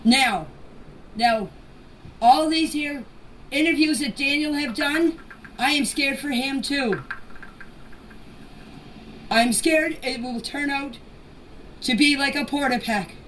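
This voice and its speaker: A woman's voice: sits high, takes it slowly, pauses often, fairly bright tone. A woman giving an unscripted personal statement in voice messages, plainspoken and emphatic, repeating phrases for stress. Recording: noisy voice message, distant from mic.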